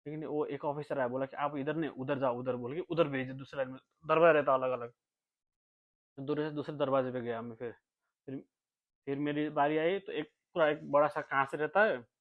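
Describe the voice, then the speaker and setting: Young man from Nepal, casual vlog storytelling, rambling and repetitive, tinny phone-like sound. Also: a little fast. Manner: rambling, repeats himself, talks low when quoting others. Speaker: vlogger.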